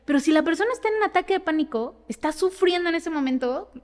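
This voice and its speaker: A woman psychotherapist, explaining in a lively way and acting out examples in casual conversation. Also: extremely high pitch, quick pace, long reverb tail. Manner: animated, explains with acted-out examples. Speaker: psychotherapist guest. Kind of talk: conversational advice in a podcast.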